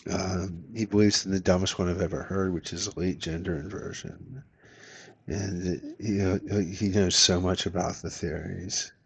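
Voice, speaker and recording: A man's voice: low voice, gravelly, breathy edge. A middle-aged man telling a rambling personal story, profane and meandering with many fillers. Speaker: vlogger.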